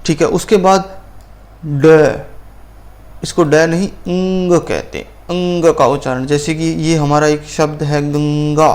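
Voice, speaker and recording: Very slow-speaking male teacher. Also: a little high, steady tone, a little mellow. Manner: slow and deliberate, drawing out sounds and repeating them for practice. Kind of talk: slow, patient lesson on pronunciation.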